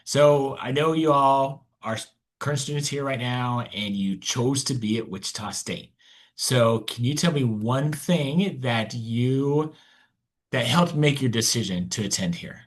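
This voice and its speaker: Brief Upbeat male host for a video-call info session, mid-pitched voice, brisk and encouraging. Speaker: admissions event host.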